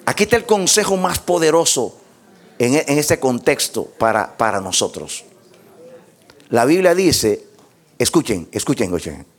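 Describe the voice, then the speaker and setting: A male pastor preaching a sermon with passion, swinging between shouted lines and hushed asides. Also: mid-range voice, big pitch swings, measured pace.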